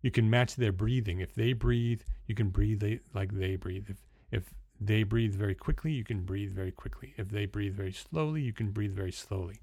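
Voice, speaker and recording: A man's voice: on the low side, moderate pace, hardly any pauses, warm tone, dry recording, studio quality. A man from New Jersey with a New Jersey accent, giving conversational sales coaching as a numbered list of tips, often restarting his phrases. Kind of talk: instructional talk.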